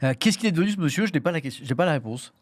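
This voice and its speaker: A man's voice: on the high side, expressive, rapid-fire, no room sound. A man hosting a live studio talk show, playfully teasing his guests and running a little quiz. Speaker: host.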